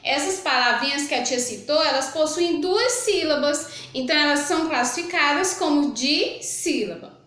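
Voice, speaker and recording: A middle-aged Brazilian woman with a fairly high voice leads a lesson for young children, patient and repetitive, checking in after each point. Her voice rings through a very echoey room with a whiteboard. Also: moderate pace, a bit bright. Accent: Brazilian Portuguese. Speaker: primary school teacher. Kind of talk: recorded remote lesson.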